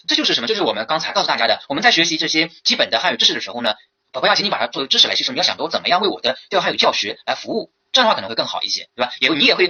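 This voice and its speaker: A man teaching as a language instructor in a recorded exam-prep lecture, lively and full of rhetorical questions. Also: a little high, breathy edge, lo-fi sound.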